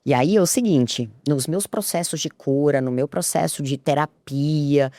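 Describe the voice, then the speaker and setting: A woman appears as a podcast guest, telling a personal story and acting out the dialogue. Her low, mellow voice moves at a measured pace, with no echo in the recording.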